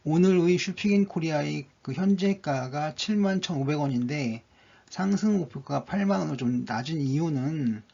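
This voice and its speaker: A man's voice: fairly high pitch, vocal fry, mellow. A man narrating a stock chart analysis, going methodically through each indicator one by one, on a dull lo-fi recording.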